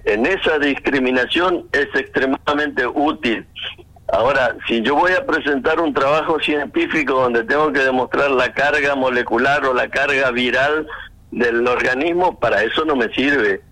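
Bright-voiced man explaining over phone. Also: mid-range voice, low-quality recording. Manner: measured, explanatory, hesitant restarts. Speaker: doctor interviewed by phone. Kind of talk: phone interview.

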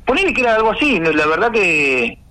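Argentine guy as a guest, rattles on fast, insistent, keeps going "no sé", bit high voice. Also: very animated, bright, forceful tone, poor audio. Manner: insistent, piles up examples, trails off with "no sé". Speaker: interview guest, housing activist. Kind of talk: explaining to an interviewer.

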